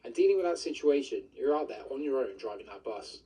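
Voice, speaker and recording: A man's voice: mid-range voice, lively intonation, fast, mellow, slightly rough, far from the mic, rough recording. Man with a digitally disguised voice. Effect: voice electronically altered to hide identity. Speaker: bus driver. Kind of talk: news interview.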